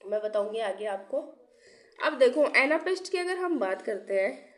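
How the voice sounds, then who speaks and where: Unwell young woman teaching, slightly high voice. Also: animated, moderate pace, a bit bright. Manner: asks rhetorical questions and repeats key terms; checks in often with "theek hai". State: unwell, coughing. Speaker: English literature teacher. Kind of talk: exam-prep lecture.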